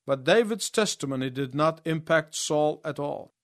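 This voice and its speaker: A man's voice: a little high, lively intonation, fairly bright tone, no echo. Male preacher, phrase-by-phrase storytelling sermon, light voice, close dry sound. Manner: storytelling, pausing in short phrases for the interpreter. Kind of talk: sermon with live interpretation.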